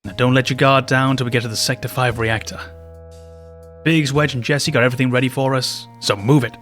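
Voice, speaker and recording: A man's voice: mid-range voice, steady tone, brisk, a bit bright, faint music behind, natural voice. A man reading a brusque, commanding male rebel leader from a video game in his own voice.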